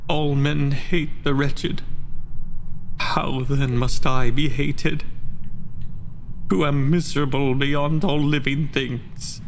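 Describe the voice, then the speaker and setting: An actor playing a bitter, wretched creature spurned by its creator, in a formal, impassioned theatrical monologue with heavy pauses and a creaky voice. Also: male voice, medium pitch, steady tone. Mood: wretched, accusing. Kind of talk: theatrical literary dramatic monologue. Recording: faint background noise, home video-call performance.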